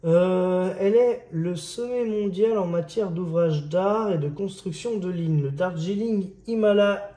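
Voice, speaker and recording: Slow, hesitant man presenting model kits. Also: high voice, warm tone. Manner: hesitant, many fillers and restarts, chatty. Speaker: scale model hobbyist presenting kit issues. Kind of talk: casual hobby video narration.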